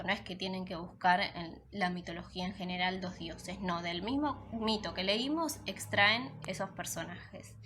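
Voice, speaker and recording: Woman teacher, mid-pitched, explains a class lesson patiently and step by step. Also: a bit bright, slight background noise. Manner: patient, explanatory, checks in with a frequent "right?". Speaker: secondary school teacher.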